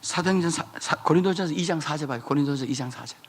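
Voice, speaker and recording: A man preaching a revival sermon in a church, telling stories with sudden shouted high bursts. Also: racing. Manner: animated storytelling, jumping to shouted high bursts. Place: church sanctuary.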